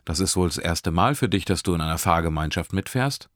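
A man's voice: low voice, lively intonation, fairly quick, a bit bright, dry recording, clean studio sound. A man voicing a talkative young woman driver who teases her passengers and laughs a lot, in an audiobook. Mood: teasing. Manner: talkative, teasing, laughing often. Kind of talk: audiobook character voice.

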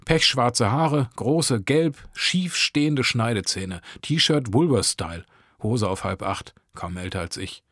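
A man's voice: mid-range voice, expressive, slow, a bit bright, dry recording, clean studio sound. Man reading a sardonic story. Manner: sardonic, crude first-person narration. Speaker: narrator. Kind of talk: reading a short story aloud.

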